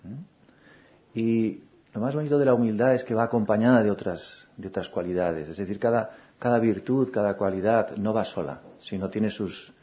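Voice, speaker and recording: Calm man giving a spiritual talk. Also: lowish voice, normal speed. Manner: calm, repetitive, gently questioning. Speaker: spiritual teacher. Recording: dull lo-fi recording.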